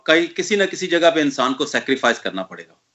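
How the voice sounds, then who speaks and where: Bright-toned male guest, measured. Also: on the high side, very animated, dull audio. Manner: measured, explanatory, lists points in order. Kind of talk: interview answer.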